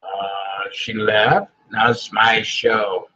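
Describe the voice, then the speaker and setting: A man's voice: fairly low pitch, flat delivery, very slow, pushed and bright, highs cut off. A man hosting a casual late-night live show over a video call, with easygoing, joking banter. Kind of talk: casual livestream chat.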